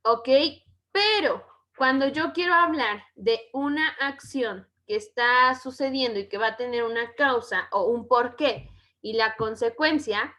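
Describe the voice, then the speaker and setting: A woman's voice: fairly high pitch, sharp tone. A woman with a Mexican Spanish accent teaching a grammar lesson to schoolchildren, often checking in with "¿ok?". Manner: slow, checks in with "¿ok?".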